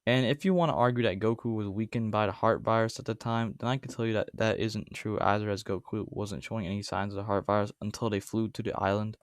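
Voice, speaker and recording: A man's voice: fairly low pitch, fairly even intonation, fast talker, few pauses, smooth, no echo, studio quality. A man giving a casual, argumentative commentary monologue, rambling and correcting himself as he goes. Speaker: YouTube debate commentator.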